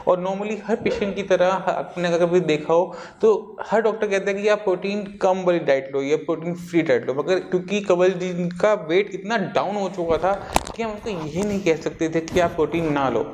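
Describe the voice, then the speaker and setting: A man's voice: high-pitched, darkish tone, big-room sound. A man, a doctor, explaining treatment earnestly to camera and interviewing a patient, with rhetorical questions. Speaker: doctor hosting a health channel.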